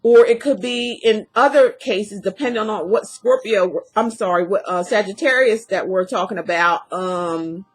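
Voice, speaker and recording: A woman's voice: medium pitch, normal speed, few pauses, slightly rough, rough recording. A woman giving a casual tarot reading in a folksy, rambling way, her speech slightly impeded by a dental retainer. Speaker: tarot reader.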